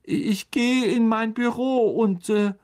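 A reader voicing a vain, flustered male teacher with a high, stammering voice. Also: steady tone, takes it slowly, a little mellow, natural voice.

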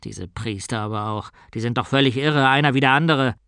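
A man's voice: mid-range voice, brisk, a bit bright, clear, resonant tone, dry recording, clean studio sound, close to an everyday voice. A man voicing a blunt, impatient young male soldier in an audiobook.

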